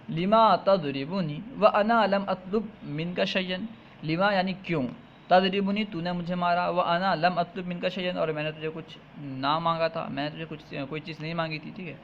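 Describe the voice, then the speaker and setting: A man teaching a text lesson, reading each phrase aloud and then slowly explaining and repeating it. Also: high-pitched, steady tone. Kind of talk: line-by-line Arabic text lesson with translation. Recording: muffled lo-fi with faint hiss.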